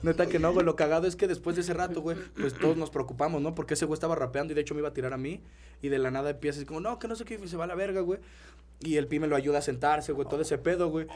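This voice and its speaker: A young man with a Mexican accent, telling a story in casual, slangy chat and filling every pause with "güey". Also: a little high, fairly even intonation, darkish tone.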